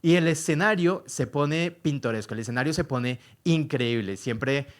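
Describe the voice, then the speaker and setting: A man, preaching a conversational sermon. He tells stories, asks the listeners rhetorical questions, checks in with a quick "¿sí?" and moves between loud and soft passages. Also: on the high side. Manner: storytelling, loud and soft by turns.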